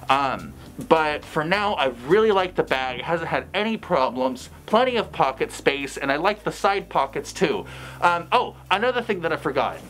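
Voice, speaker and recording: Animated voice through a costume head. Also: medium pitch, a little hiss or hum, low-quality recording. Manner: animated, chatty, blunt advice. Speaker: fursuiter vlogger. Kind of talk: casual advice vlog.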